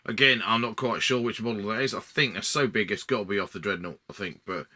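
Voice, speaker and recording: A man's voice: on the low side, quick pace, sharp tone. A man with an Essex accent talking casually through a model build, rambling as he thinks aloud. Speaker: hobby model-building video maker.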